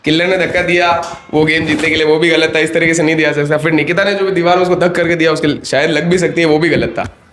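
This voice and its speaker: A man with a slightly high voice hosts a roast battle game. He talks firmly and keeps telling people to calm down. There is a faint hiss in the background. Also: fast, echoey room. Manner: firm, repeatedly calling for calm. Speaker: host and referee of a contest show.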